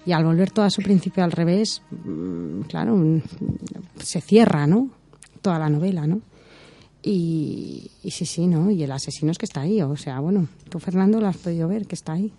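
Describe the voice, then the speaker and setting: Lively novelist woman, dark voice. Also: on the low side, moderate pace, husky. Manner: animated, retells scenes, repeats words, tag questions. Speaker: novelist talking about her book. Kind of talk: casual interview.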